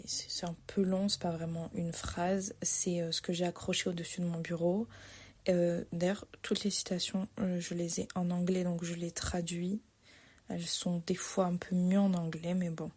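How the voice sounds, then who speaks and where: A young woman with a somewhat low, breathy voice talks alone into her podcast mic. She speaks in a reflective way, repeats her key phrases for emphasis and stops to correct her own wording. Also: darkish tone. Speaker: podcast host. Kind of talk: solo motivational podcast monologue.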